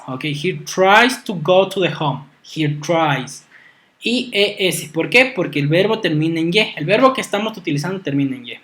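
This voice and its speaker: Patient language teacher, recorded online lesson, slow spelled-out letters, keeps asking "ok?", native Spanish speaker. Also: mid-range voice. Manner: patient, repetitive explaining, tag "¿ok?" after most points.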